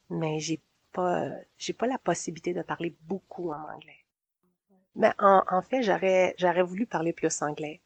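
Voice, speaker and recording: A sociable woman from Quebec, in her forties, tells her own story casually in an interview, her lowish voice captured in a dry recording. She has a Québécois French accent and laughs often between phrases.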